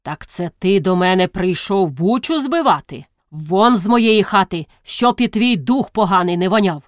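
A woman's voice: mid-range voice, lively intonation, unhurried, no echo, studio quality, natural voice. A woman voicing a drunk, furious village host. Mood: drunken fury. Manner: shouting, slurred and accusing. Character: drunk, quarrelsome middle-aged male host.

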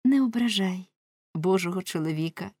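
Woman reads a tender, repentant wife, soft and pleading, dry close storybook read. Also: lowish voice, lively intonation, normal speed, slightly rough, no room sound.

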